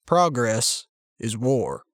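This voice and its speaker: A man voicing a young male militia leader who talks in a calm, sardonic, unhurried way. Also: medium pitch, no echo, clean studio sound, voice pushed down. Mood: cool menace.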